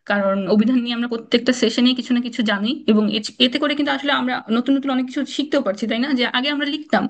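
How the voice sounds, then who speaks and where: A young woman teaching pronunciation rules in a live lecture, chatty and quick, often checking in with her students. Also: on the high side. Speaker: online exam-prep teacher.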